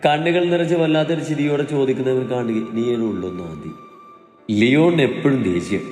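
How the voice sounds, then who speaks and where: A man voicing an obsessive young man who coaxes softly and snaps into sudden shouts. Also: mid-range voice, lightly acted. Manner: soft and coaxing, then sudden shouts. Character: obsessive, menacing young man, unstable temper. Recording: echoey room with long reverb, faint music.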